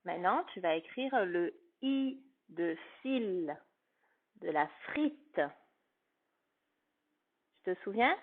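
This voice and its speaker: Patient woman teacher, slow and clearly spoken, phonics lesson for a child, recorded with a thin phone-line sound. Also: fairly low pitch, expressive. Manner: slow, carefully articulated, patient, addressing a child.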